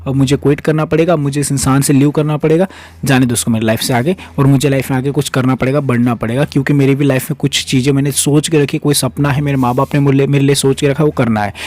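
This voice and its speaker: Fast-talking emphatic Indian man coaching. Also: mid-range voice, darkish tone. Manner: emphatic, repetitive, acts out pleading quotes. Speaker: relationship coach. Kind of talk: motivational advice monologue.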